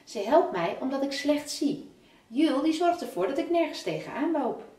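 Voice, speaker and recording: A woman's voice: high-pitched, very animated, moderate pace, warm tone, voice pushed up. A woman voicing an earnest, eager young girl in a read-aloud children's story, raising her voice to sound girlish. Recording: roomy, from a distance.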